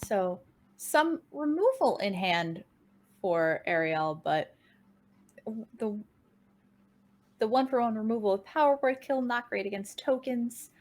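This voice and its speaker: A woman casting a card game match, giving play-by-play commentary with an upbeat manner and quick swings in pitch and tempo. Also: expressive. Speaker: game caster.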